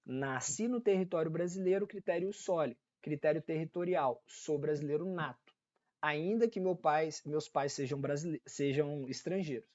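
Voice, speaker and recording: A man with a fairly high, slightly mellow voice speaks at a moderate pace in a dry recording missing its highs. As a law teacher with a Brazilian Portuguese accent, he runs a laid-back online exam-prep class, going back over key points, checking in with listeners and self-correcting.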